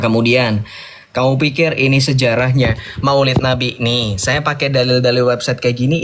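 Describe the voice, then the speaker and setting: A man's voice: a little high, fairly bright tone. A man arguing heatedly in an online debate, mocking and combative, and reading English passages aloud.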